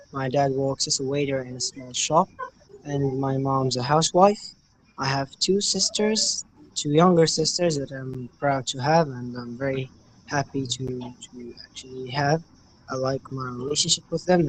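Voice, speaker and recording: Measured young man. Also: medium pitch, slight background noise, low-quality recording. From Morocco. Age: young adult. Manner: careful, measured answers. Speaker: interview guest. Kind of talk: interview answers.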